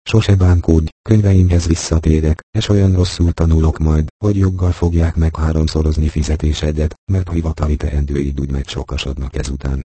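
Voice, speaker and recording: A man voicing a bewildered boy king from a read-aloud storybook, grand in his decrees yet kind. The voice is very deep and dark with a husky grain. The reading is close and dry. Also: fairly even intonation, few pauses, dry recording. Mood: commanding. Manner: puzzled questioning, then generous decrees.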